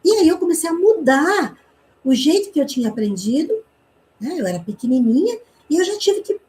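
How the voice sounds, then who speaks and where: A woman from the interior of Paraná, Brazil, teaches an online communication class, telling a personal story in a chatty manner full of tag questions and quick bits of reenacted dialogue. Her voice is high and mellow, and the audio quality is poor.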